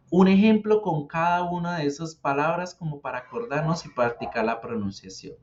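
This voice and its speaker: A man teaching English pronunciation as a patient teacher who repeats words slowly for the learner. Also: medium pitch. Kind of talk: explaining English grammar and pronunciation. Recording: dull lo-fi sound.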